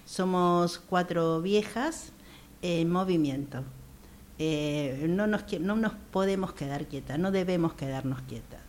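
A woman's voice: lowish voice, a little slow, a little mellow. Earnest Argentine woman in her sixties. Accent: Argentine Spanish. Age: 60s. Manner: earnest, emphatic, repeats phrases, many hesitations. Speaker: guest, activist for older women. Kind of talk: radio interview.

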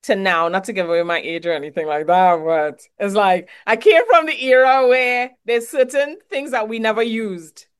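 A woman's voice: medium pitch, normal speed, hardly any pauses, clean tone. A woman from Trinidad hosting a casual interview, asking friendly conversational questions. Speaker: interviewer host.

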